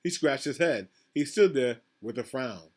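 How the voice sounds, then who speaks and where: At a moderate pace and with lively intonation, a principal with a medium-pitched, slightly mellow voice reads a picture book to children. Along the way he addresses them directly, adds asides, asks questions, and repeats himself.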